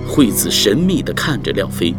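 A man narrating an audiobook in a vivid, expressive way, with music behind. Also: fairly low pitch, normal speed. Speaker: storyteller.

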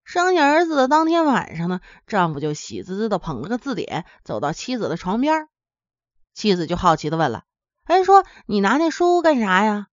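Lively woman storyteller, dull dry recording. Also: on the low side, fairly quick, no echo. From Henan, China. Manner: lively, chatty, addresses listeners directly. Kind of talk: folksy comic storytelling.

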